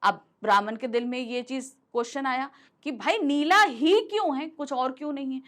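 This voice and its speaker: A woman's voice: high-pitched, moderate pace, a bit bright. A woman teacher explaining a Hindi grammar lesson, asking and answering her own questions and mixing in English words.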